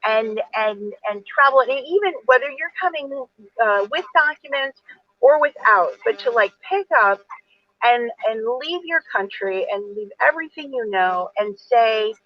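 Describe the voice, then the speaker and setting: This attorney in her forties, moderating a virtual author event over video, talks earnestly with lots of fillers and some rambling. Her pitch sits on the high side and she sounds animated, though she speaks a little slowly and the audio is dull.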